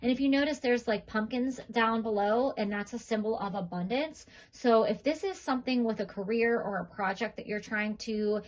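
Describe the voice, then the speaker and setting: A woman giving a tarot reading in a gentle, reassuring way, pausing now and then with fillers. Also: a little high, rough recording. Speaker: tarot reader.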